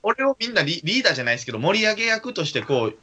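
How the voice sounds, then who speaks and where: A man telling an animated story in casual chat, acting out the quotes of the people in it. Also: high-pitched, very fast, breathy edge. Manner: animated anecdote with acted-out quotes. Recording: dull lo-fi recording.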